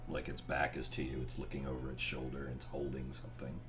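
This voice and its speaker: A man running a tabletop horror fantasy game, narrating scenes informally in descriptive, drawn-out dramatic phrases. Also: extremely low pitch, monotone, background noise. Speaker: game master.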